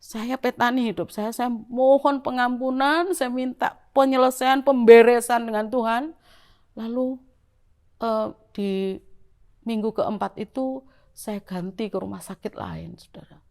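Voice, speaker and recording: A middle-aged woman with a Javanese-influenced Indonesian accent, telling her church testimony to the congregation in a lively storytelling way. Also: on the high side, measured pace. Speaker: church member giving testimony.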